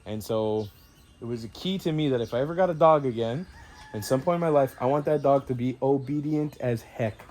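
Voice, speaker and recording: A man's voice: brisk, a little hiss or hum. A young man casually narrating a vlog, explaining repairs and chores. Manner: loud pitched-up dog commands; relaxed explaining tone. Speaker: vlogger.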